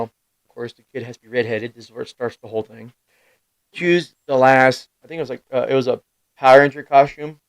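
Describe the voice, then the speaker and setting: A man in his thirties hosting a live stream, rambling through casual stories in a middle-pitched voice. He swears freely, laughs at himself and breaks into loud bursts. The sound is dry and close, with no room around it. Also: clear, resonant tone, no echo, rough recording. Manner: rambling storyteller with sudden loud outbursts. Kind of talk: casual chat.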